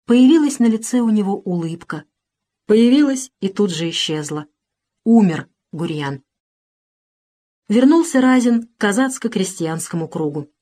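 A woman storyteller reading a historical tale from a script. Her delivery is measured and dramatic, and she lingers on the grim moments of the story. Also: medium pitch, animated, mellow.

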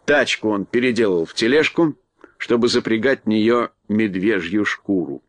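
A man's voice: on the low side, moderate pace, dry recording. Man narrating a storybook, dry sound. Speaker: audiobook narrator.

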